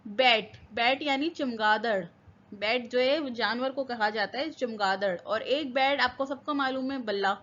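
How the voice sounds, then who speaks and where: Woman teacher going over english words, spells em out letter by letter, pretty high voice, kinda muffled recording. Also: unhurried, a bit bright. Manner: spells words letter by letter and repeats their meanings; asks the class questions and answers them herself. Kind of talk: vocabulary lesson.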